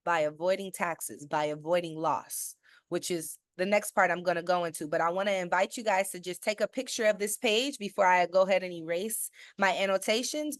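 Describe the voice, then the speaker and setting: A woman's voice: lowish voice, no echo. Woman, financial educator, sales-style webinar, emphatic, rhetorical questions, dry close sound. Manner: checks in with listeners with a frequent "okay?".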